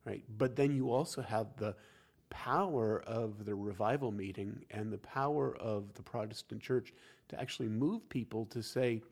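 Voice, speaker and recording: A man's voice: on the low side, normal speed, creaky, darkish tone. A man explaining church history in a casual conversational discussion, lecturing with frequent restarts.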